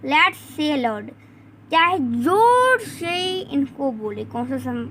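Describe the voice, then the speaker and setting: Woman, English tutor, high clear voice, unhurried deliberate reading. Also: big pitch swings, heavy background noise. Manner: reads English slowly and deliberately, then explains it. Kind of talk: bilingual classroom explanation.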